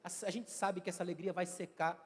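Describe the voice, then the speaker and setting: A Brazilian man preaches in a church with a high, ringing voice. His delivery is emphatic and swings between hushed and loud. The sanctuary adds a long, trailing reverb to every phrase. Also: little pitch movement, fairly quick. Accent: Brazilian Portuguese. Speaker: pastor. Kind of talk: sermon.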